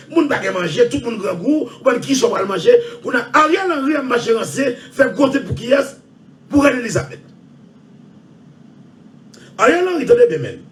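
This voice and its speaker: Man ranting, very high voice, lively swings, shouting, repetitive. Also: recorded from a distance. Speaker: online show host. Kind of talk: impassioned rant.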